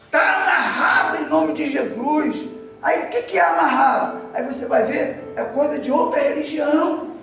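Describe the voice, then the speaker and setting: High-voiced preaching man in echoey hall. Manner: animated storytelling preaching, shouting emphasis, laughs. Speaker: deacon preacher. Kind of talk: sermon. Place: church. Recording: echoey hall from far off with music.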